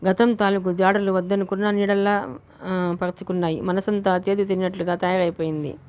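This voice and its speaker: A woman narrating a novel in a steady, even reading manner. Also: medium pitch, fairly quick, clean tone. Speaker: audiobook narrator.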